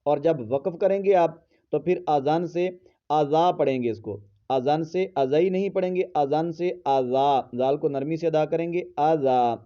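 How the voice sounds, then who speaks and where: A man teaching Quran pronunciation in a tajweed lesson, patiently spelling out letters and breaking into slow, drawn-out melodic recitation. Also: on the high side, mellow, dull audio.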